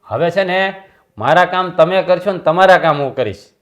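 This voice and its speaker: An actor playing a resentful younger brother who insists on taking over the business in a family drama. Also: male voice, sits high, moderate pace, a bit bright. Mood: defiant. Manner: defiant, insistent. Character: resentful younger brother demanding his share. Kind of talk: Gujarati family stage drama.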